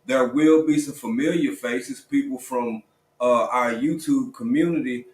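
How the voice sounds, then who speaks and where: A man hosting a casual livestream, talking in a relaxed, conversational way with lots of quick affirmations. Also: medium pitch, distant mic. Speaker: livestream host. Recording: roomy sound, a bit off-mic.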